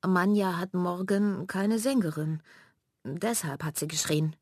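A woman voicing a friendly, curly-haired boy with gentle, slightly halting phrasing. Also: lowish voice, dry recording, studio quality. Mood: kind.

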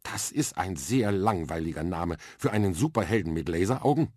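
A man's voice: low voice, expressive, darkish tone, dry recording, clean studio sound. A man voicing a cheeky, impatient little girl. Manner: quick, cheeky, self-assured. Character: bold, impatient, chatty young girl. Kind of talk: children's radio story reading.

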